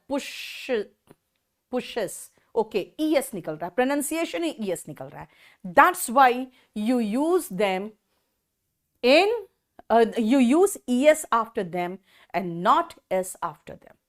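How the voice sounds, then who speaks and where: A woman teaching an online English class, explaining slowly in Hindi mixed with English and praising students by name. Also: on the high side, sing-song, fairly bright tone.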